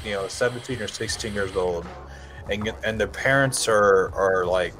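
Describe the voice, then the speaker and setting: A man's voice: fairly low pitch, normal speed, fairly bright tone. A young man co-hosting a casual podcast, rambling with many fillers and some swearing. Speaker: podcast co-host.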